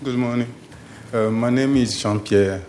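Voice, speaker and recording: A man from Togo with a Togolese accent gives public testimony in halting, simply phrased non-native English. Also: medium pitch, steady tone, a little mellow. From Togo, West Africa. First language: not English. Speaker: speaker giving public testimony. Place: public meeting room. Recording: faint background room noise.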